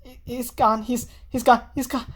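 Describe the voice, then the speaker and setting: A woman's voice: a little high, level tone, normal speed, pitched above the performer's own voice, lightly acted. A woman voicing an anxious young student character in a game, stammering and repeating words in panic. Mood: panicked.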